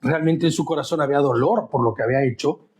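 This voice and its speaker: A man leads a conversational Bible study, chatting easily and regularly putting questions to his listeners. His voice sits at a medium pitch, moves fast, and has a slightly mellow quality.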